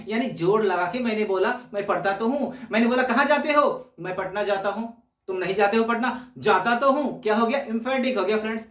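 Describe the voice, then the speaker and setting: A man's voice: sits high, distant mic. A man teaching a spoken grammar lesson, repeating each point and asking the viewers rhetorical questions. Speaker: English teacher. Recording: echoey room, voice away from mic.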